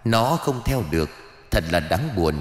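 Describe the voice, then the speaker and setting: A man's voice: on the low side, big pitch swings, measured pace, roomy sound, long reverb tail, soft background music. A man voicing a pompous, irritable old male ancestor ghost sorcerer who scolds and boasts in an audiobook. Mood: lamenting. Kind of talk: audiobook character voice.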